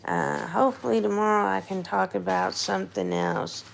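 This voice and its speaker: A woman chatting casually and informally to livestream viewers, her voice hoarse and giving out as she rambles and checks in with them. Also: medium pitch, wildly swooping pitch, normal speed, slight background noise. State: hoarse, losing voice, throat gone. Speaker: livestream host, nursing home resident.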